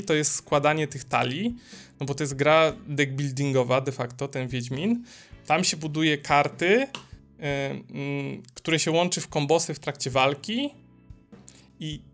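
Animated, swearing man in casual chat. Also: on the high side. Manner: animated storyteller, swears freely, many fillers. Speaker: podcast co-host.

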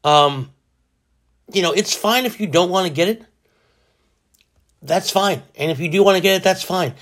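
Male solo podcast host, forties, slightly high voice, loose rambling jokey delivery that mocks himself. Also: moderate pace, fairly bright tone. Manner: rambling, self-mocking and jokey.

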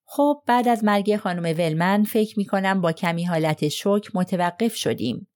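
A woman's voice: mid-range voice, a little mellow, close to an everyday voice. A woman voicing a reserved young man in an audiobook, giving short, guarded answers under questioning. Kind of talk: audiobook character reading.

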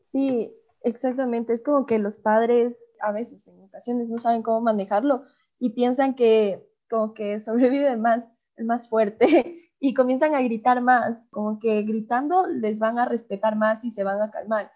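Chatty woman host with mellow voice. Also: on the high side, fairly even intonation, a little slow. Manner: chatty, laughs between points. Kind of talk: conversational talk show. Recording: slightly dull lo-fi sound.

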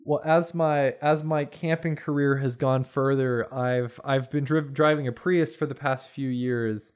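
A young man chatting casually on a podcast, telling stories in a rambling, animated way. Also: mid-range voice, a little slow, smooth. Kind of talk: casual chat.

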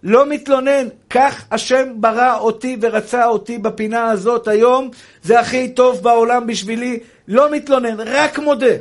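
A young male rabbi delivers a fervent sermon in a notably high voice. He pleads and scolds his listeners and keeps calling each of them brother. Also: steady tone. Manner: impassioned preaching, addressing listeners as brother.

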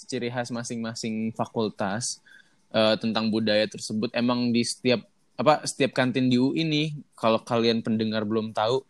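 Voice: medium pitch, steady tone, moderate pace, no echo. A young adult host, chatting casually and exclaiming a lot, speaking to listeners. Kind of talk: casual chat. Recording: crowd chatter behind.

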